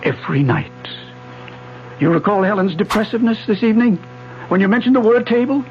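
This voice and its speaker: A male actor voices an obsessive, insistent retired physics professor in a 1970s radio drama, lecturing urgently. His voice is high-pitched and a little fast, heard through a muffled vintage broadcast with music.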